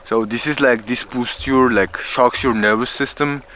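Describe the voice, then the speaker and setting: A man's voice: mid-range voice, fairly even intonation, measured pace, bright, forceful tone, slight background noise. A man from Mongolia explaining casually and hesitantly, leaning often on the filler "like". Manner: hesitant, frequent 'like' as a filler. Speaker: local guide explaining a tradition.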